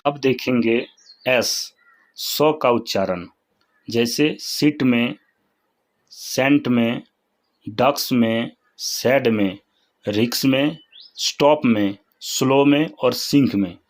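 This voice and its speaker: Very slow, deliberate male pronunciation teacher. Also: mid-range voice, poor audio. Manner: slow, deliberate listing of example words. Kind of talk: pronunciation lesson.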